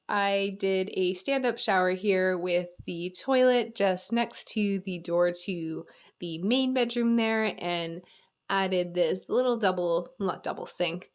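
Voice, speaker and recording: A young woman chatting through a voice-over of her video game build, upbeat with small laughs, her voice a little worn. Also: mid-range voice. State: slightly losing her voice. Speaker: game building channel host.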